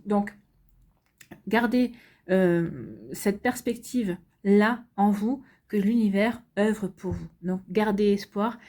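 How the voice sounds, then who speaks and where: A woman reads tarot for her viewers in an unhurried, reassuring way. Her voice is warm and mellow, with frequent pauses and restarts, and she sounds tired. Her pitch is neither high nor low for a woman. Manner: gentle, reassuring, many fillers and restarts. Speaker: tarot reader. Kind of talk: casual tarot reading for viewers.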